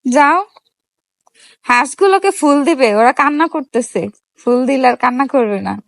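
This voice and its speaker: High-voiced mother coaxing her toddler. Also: animated, normal speed, no room sound. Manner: gentle, coaxing, asks many little questions. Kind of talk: casual vlog talk to a small child.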